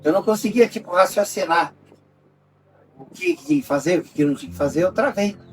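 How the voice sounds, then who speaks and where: Animated Brazilian man telling a story. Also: brisk, far from the mic, soft background music. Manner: animated storyteller, acts out dialogue with big pitch swings; drops to a hushed low voice for dramatic moments. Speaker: founder of a rescue project, telling his story. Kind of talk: personal testimony in casual conversation.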